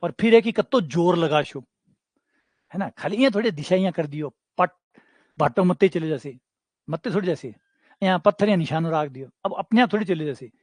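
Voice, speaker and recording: Teaching maths in an online exam coaching session, this Rajasthani-accented man keeps things chatty and full of jokes, drifting into local dialect now and then. His voice leans high with a darkish tone and lively intonation, moving a bit fast, with no echo in the recording.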